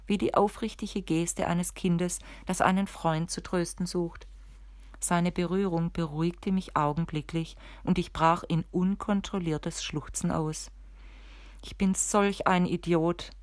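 A woman reads a first-person story aloud in a measured, even manner. Her voice sits low for a woman. The recording is dry and close, with no audible room. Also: no echo. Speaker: audiobook narrator. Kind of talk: scripted first-person narration.

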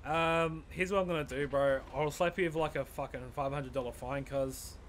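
A man's voice: on the high side, moderate pace, a little hiss or hum. A man with a broad New Zealand accent chatting casually in a police role-play game, sweary and matey, full of slang. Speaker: streamer playing a police officer.

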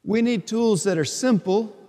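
A middle-aged bishop preaches a homily, his voice a little high and his delivery unhurried. He builds his points through repetition, and the words ring out with a long reverb from a large church. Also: dark tone. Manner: slow, deliberate, conversational preaching with repeated phrases. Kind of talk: homily at Mass. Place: large church sanctuary before the altar.

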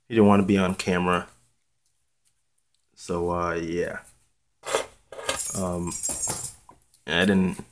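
Slow, low-voiced young man, laid-back. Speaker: trading card channel host. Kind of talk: casual unboxing vlog talk.

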